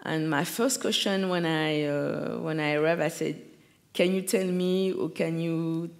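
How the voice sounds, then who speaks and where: A man's voice: a little high, steady tone, unhurried. A man who teaches art, speaking hesitantly at a panel and often searching for his English words. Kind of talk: panel conversation. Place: large hall with an audience.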